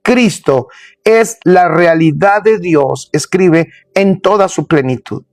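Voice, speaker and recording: Emphatic preacher, dry sound. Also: male voice, high-pitched, slow pace, a little mellow, dry recording. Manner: emphatic, repeats phrases, speaks straight to listeners. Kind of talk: sermon.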